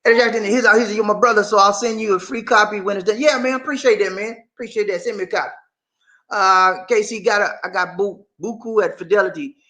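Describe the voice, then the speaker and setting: High-pitched man, Southern Charleston Gullah Geechee accent. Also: fairly even intonation, fast talker, bright, forceful tone. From Charleston, South Carolina, USA. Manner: folksy, colloquial, repeats phrases. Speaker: livestream host. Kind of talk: casual livestream chat with viewers.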